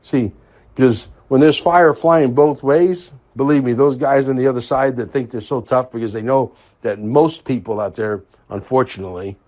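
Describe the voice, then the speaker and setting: A man's voice: medium pitch, darkish tone. A man hosting a podcast in a casual monologue, emphatic and repeating phrases for stress. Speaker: podcast host.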